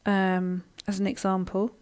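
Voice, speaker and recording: Unhurried and smooth, a woman with a medium-pitched, monotone voice hosts a live online coaching session. She chats casually through viewer comments, reading and answering them warmly, with frequent ums and restarts.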